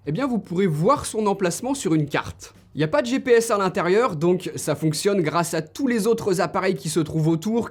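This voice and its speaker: A man's voice: sits high, breathy edge. A young man recommending tech gifts straight to his viewers, enthusiastic and direct, talking to them informally. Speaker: tech reviewer. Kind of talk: tech gift recommendations to camera.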